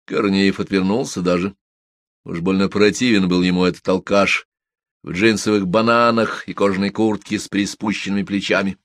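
Brief: male audiobook narrator, low voice, steady storytelling, dry close recording. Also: moderate pace, dry recording. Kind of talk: scripted narration.

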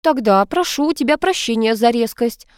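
A woman's voice: fairly high pitch, animated, moderate pace, clear, resonant tone, no echo, studio quality, pitched above the performer's own voice, natural voice. A woman voicing a stern, formal older mother who scolds with polite phrasing, read as part of an audiobook. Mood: reproving. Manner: formal, reproving.

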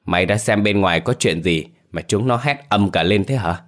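A man's voice: low-pitched, moderate pace. A man voicing a stern middle-aged mistress of a rich household, speaking sharply to servants. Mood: scolding. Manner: sharp and scolding toward servants.

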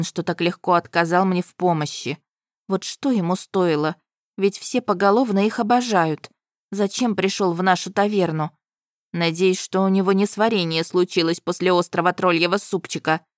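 A woman narrates a fantasy story in the first person, wry and lively. Her voice sits fairly low and sounds dry and close to the mic. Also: dry recording.

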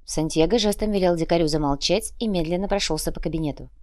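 A woman with a lowish voice narrates an audiobook in an even, measured way. The recording is close and dry, with no room sound. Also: no echo.

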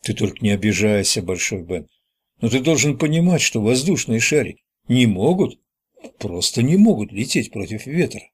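A man's voice: mid-range voice, sing-song, moderate pace, breathy edge. A man voicing a brash, wisecracking teenage boy in an audiobook. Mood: teasing. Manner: brash, teasing. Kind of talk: audiobook character voice.

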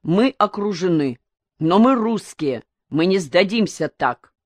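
A woman's voice: fairly low pitch, animated, slow pace, no echo, studio quality. A woman voicing an eager, bookish teenage boy who retells a story he read.

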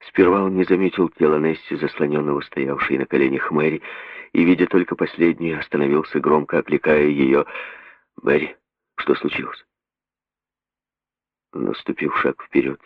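A man narrating an audiobook in a measured, expressive storytelling voice. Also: extremely low pitch, breathy edge, dry recording, phone-quality sound. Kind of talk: audiobook reading.

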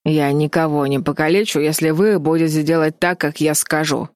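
A cruel young man drawls his threats in a low, dry, mocking voice, as a woman reading an audiobook puts him on. He sounds bored and menacing, an audiobook villain with a cold sneer. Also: steady tone, moderate pace, darkish tone, dry recording, natural voice. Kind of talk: audiobook character voice.

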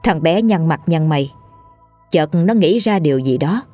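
Low-voiced woman narrating a story. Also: lively intonation, normal speed, mellow, no echo, soft background music. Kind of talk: scripted ghost story narration.

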